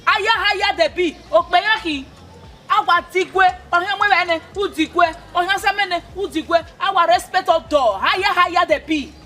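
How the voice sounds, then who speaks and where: A stern traditional elder with an Edo Nigerian accent, lecturing in insistent, repetitive pidgin. Her voice sits very high and sounds bright and sharp. She speaks as a middle-aged woman in a Nollywood film. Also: moderate pace. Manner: mixes pidgin and local words, insistent and repetitive. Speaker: elder advising a young wife.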